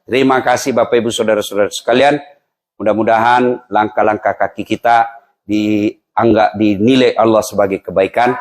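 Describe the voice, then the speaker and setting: A man preaching a humorous, animated sermon in a mosque, acting out quoted voices. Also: lowish voice, normal speed. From Indonesia. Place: mosque hall.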